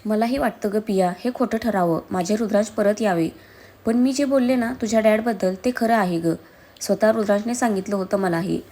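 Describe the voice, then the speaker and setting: A woman's voice: mid-range voice, brisk, mellow, close to an everyday voice. A woman reading the lines of a fierce, grieving young woman who hurls accusations in a storybook reading. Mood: pleading. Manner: heated, accusing.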